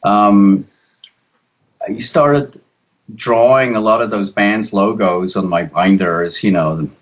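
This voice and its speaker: A low-voiced man from Switzerland in his fifties talks through a casual interview. He rambles and restarts often. The audio sounds dull and lo-fi. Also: takes it slowly. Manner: rambling, frequent restarts and stammers. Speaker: guest, graphic designer.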